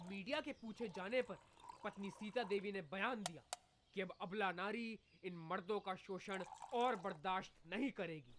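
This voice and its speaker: An actress reading the news as a TV anchor, in a formal announcing manner. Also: female voice, medium pitch, slight background noise, natural voice. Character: brisk woman TV news anchor. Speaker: news reader.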